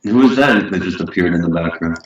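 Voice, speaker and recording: A laid-back man on a call talks in a halting, unhurried way, his voice fairly low. He is picked up by a webcam mic some way off, so his voice rings with heavy room echo. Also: far from the mic, muffled recording. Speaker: co-host prankster. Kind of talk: casual call chat. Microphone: webcam mic with speakers.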